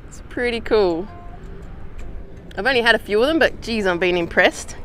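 An Australian woman chats casually outdoors, slangy and relaxed, in a mid-pitched voice. Faint music sits underneath her talk. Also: quick pace. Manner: chatty, slangy and relaxed, with easy laughs. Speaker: hiking vlogger. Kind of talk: casual how-to chat.

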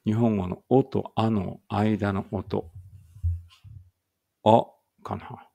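A man reading a language lesson aloud slowly and carefully, with muttered asides to himself. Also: on the low side, fairly even intonation, gravelly, dark tone.

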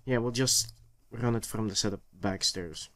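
A man's voice: on the low side, moderate pace, a bit bright. A man giving casual let's play commentary, muttering to himself in short fragments with a grumbly, exasperated edge. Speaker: gaming video host.

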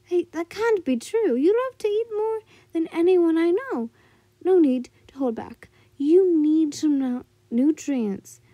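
A woman's voice: very high voice, animated, takes it slowly, warm tone, no echo, pitched above the performer's own voice, heavily acted. A woman voicing a kindly, motherly old woman caretaker who fusses and coaxes in an amateur story reading. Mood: coaxing. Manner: motherly, coaxing.

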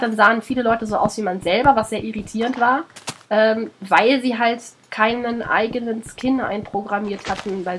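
A woman's voice: medium pitch, a little hiss or hum. A woman with a German accent, sick and under the weather, chatting her way through a let's play, scolding the animals in the game and swearing casually.

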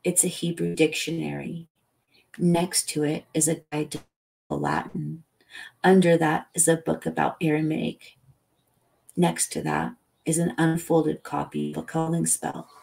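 A woman reads a novel aloud as a calm bedtime story. Her voice sits low and gravelly, with a breathy, husky edge. She takes her time, at an unhurried pace. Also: rough recording. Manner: slow, calm, soothing delivery. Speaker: audiobook reader. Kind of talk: soft bedtime novel reading.

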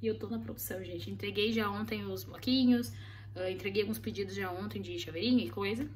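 A woman's voice: mid-range voice, fast talker, a little hiss or hum. A woman vlogging casually from her craft studio, chatty and rambling, often checking in with "right?" and her viewers. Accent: Brazilian Portuguese. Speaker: vlogger running a custom stationery studio. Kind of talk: casual vlog chat to camera.

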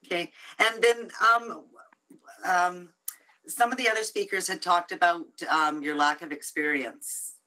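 A woman councillor questions the applicant at a public hearing. Her voice sits low yet sounds bright and clear, and her questions are brisk and direct. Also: fairly even intonation, poor audio. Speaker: city councillor.

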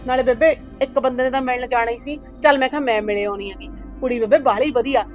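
Brief: woman as peacemaking young daughter-in-law, high voice, talks fast. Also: steady tone, darkish tone, highs cut off, soft background music, lightly acted. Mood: coaxing. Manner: coaxing, soothing, persuasive. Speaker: daughter-in-law in a family drama. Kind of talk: village web-series acting.

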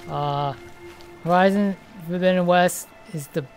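A woman with a lowish, darkish voice streams a VR game from a room at home, seated in her headset, speaking a little slowly on a rough recording with faint music behind. Her casual live-stream commentary rambles, full of hesitant restarts as she thinks aloud while playing.

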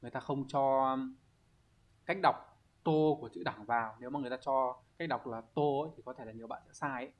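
A male language teacher reviews test questions one by one, explaining each answer step by step. His voice sits at an ordinary middle pitch. He keeps a patient, explanatory tone and often pauses to ask whether his students are following. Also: muffled recording.

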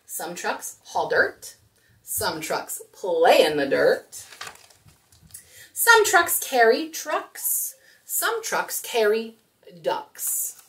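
Reading aloud and talking to young children at storytime, a woman in her thirties is extremely slow and very animated, with a fairly high, slightly bright voice. The setting is a small indoor room, and the mic sits at a distance.

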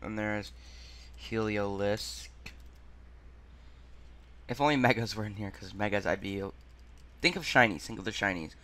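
A man hosting a gaming channel, thinking aloud through a quiz in a muttering, halting way and sounding out words as he goes. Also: fairly low pitch, bright, forceful tone.

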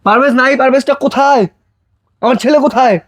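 A man playing a frantic village father, very high voice. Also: fast, no echo. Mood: worried. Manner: shouting, accusing, pleading. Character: distraught village father, home after long away. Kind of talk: amateur short film drama.

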